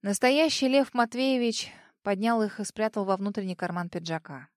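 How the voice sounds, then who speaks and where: A young woman reads a first-person story aloud with emotional, expressive delivery. Her voice sits in a mid register. The recording is dry and close, with no room echo. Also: mid-range voice, moderate pace. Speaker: audiobook narrator. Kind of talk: first-person audiobook narration.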